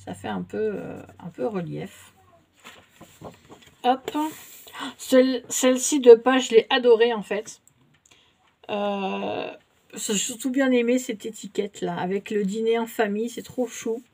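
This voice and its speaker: A woman's voice: fairly high pitch, a little slow, gravelly, pauses often, dark tone. A French-speaking woman chatting casually to her viewers while showing a shopping haul, with many fillers and little hesitations. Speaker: haul vlogger. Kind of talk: casual show-and-tell haul.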